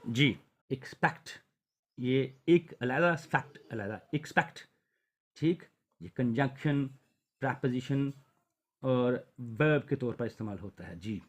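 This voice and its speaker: A man teaching an English vocabulary lesson, who reads example sentences very slowly and then explains them quickly. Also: mid-range voice, breathy edge.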